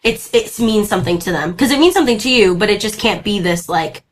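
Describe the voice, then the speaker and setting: A lively young Brazilian woman whose first language is Portuguese appears as an actor guest for a casual interview chat, speaking fast in a mid-range voice. She laughs often and keeps restarting sentences, with a little hiss or hum in the audio.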